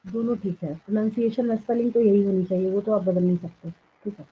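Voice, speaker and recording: A woman biology teacher giving a classroom lecture, dictating notes slowly word by word and often checking that students follow. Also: mid-range voice, fairly even intonation, husky. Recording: tinny phone-like sound.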